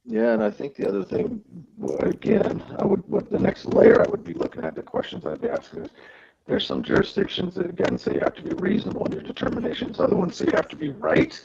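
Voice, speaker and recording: A man's voice: sits high, sing-song, quick pace, creaky, darkish tone, muffled recording, slight background noise. A man talking through legal questions over a wireless headset whose audio keeps distorting and cutting out, hedging and restarting as he thinks aloud. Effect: fuzzy distorted audio that cuts out. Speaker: guest legal commentator. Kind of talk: casual legal discussion on a podcast. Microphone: built-in wireless headset over a video call.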